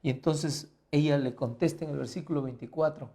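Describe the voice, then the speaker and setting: Fairly quick and on the high side, a man preaches a Bible lesson in sermon fashion. Rhetorical questions aimed at the listener come again and again, and his delivery swings from soft to forceful.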